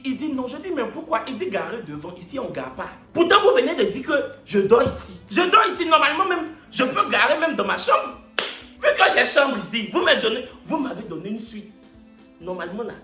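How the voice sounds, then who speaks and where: Male vlogger, swooping bright delivery, mock-outraged bragging, roomy sound with soft music under. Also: high-pitched. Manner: animated, boastful, mock-indignant. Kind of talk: comic storytelling to camera. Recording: roomy echo, faint music behind.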